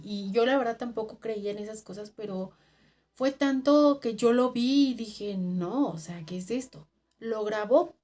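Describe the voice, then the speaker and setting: A woman with a Mexican accent tells a spooky personal story in a vlog, animated and dropping to a hush at the tense parts. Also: fairly high pitch. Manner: animated storytelling, drops to a hushed voice for tense moments. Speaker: vlogger.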